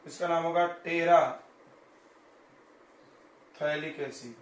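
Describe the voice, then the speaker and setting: A man teaching chemistry explains things one step at a time, often making sure the class is following along. He has a slightly high voice at a normal speed, and the distant mic captures the echo of the coaching classroom.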